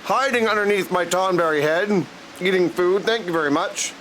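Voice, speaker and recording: Poor audio and slight background noise accompany a man whose high, fairly bright voice moves at normal speed. He chats goofily and slangily with his viewers over gameplay on a livestream, game music playing underneath.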